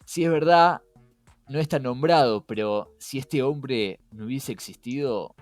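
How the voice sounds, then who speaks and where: A podcast host with a Rioplatense Spanish accent speaks a little slowly in a medium-pitched, darkish voice over background music. His casual show is engaging and explanatory, filled with rhetorical questions.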